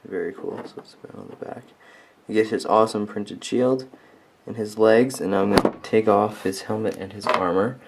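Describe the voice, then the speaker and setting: A man's voice: fairly low pitch, fairly even intonation, normal speed, slight background noise. A man casually reviewing a toy set on camera, rambling and enthusiastic with many ums and likes. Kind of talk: casual unscripted product review.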